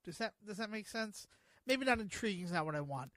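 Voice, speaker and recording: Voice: medium pitch, expressive, brisk, a bit bright, no echo. A podcast co-host chatting about a board game, enthusiastic and rambling while searching for the right words. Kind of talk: board game review chat.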